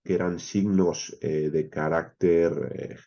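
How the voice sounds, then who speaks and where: A man from teaching a Bible class, explaining step by step, with frequent "eh" pauses, often checking in with "¿vale?" and "¿bien?". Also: deep voice, fairly even intonation, warm tone, dull audio. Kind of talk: expository Bible class lecture.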